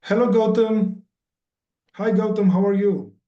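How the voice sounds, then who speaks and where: A man hosts an online webinar and greets each attendee by name in an upbeat way. His voice sits a little high and sounds roomy and distant. The call audio is dull and muffled. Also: flat delivery, a little slow. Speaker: webinar host. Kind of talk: casual online webinar hosting. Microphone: video call.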